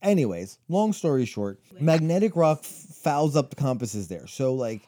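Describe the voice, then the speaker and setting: Rambling, dark-voiced man telling stories. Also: medium pitch, sing-song, normal speed. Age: 40s. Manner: rambling storyteller full of "like" and "you know". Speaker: podcast co-host. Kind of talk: casual chat, storytelling.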